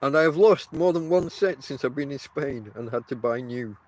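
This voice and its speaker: Over poor audio, a middle-aged podcast host speaks at a moderate pace in a medium-pitched, slightly mellow voice. Toothless, he forms words with his lips over his gums while rambling casually and making wry jokes at his own expense.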